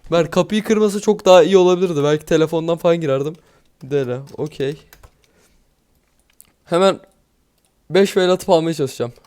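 A young man giving casual, excitable commentary over his gameplay, swearing often and laughing nervously. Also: a little high, normal speed, pauses often, clear, resonant tone. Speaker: gaming YouTuber.

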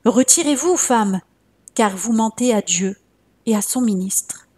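A woman's voice: a little high, measured pace, a little mellow, breathy edge. A woman voicing a stern old male monk who rebukes with solemn authority.

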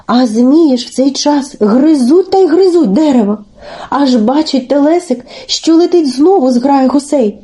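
Lively high-voiced woman storyteller. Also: unhurried. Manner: lively, sing-song storytelling. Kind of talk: expressive fairy-tale narration.

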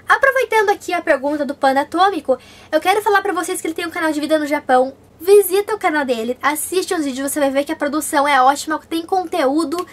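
A young woman from Brazil hosts a casual question-and-answer vlog with a very high, light voice. She talks in a chatty way, reading viewer comments aloud and then answering each one. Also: quick pace.

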